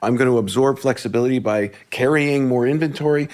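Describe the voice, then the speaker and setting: Male panelist, articulate and measured, average pitch. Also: a little mellow. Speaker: panel guest, tech executive. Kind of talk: panel discussion.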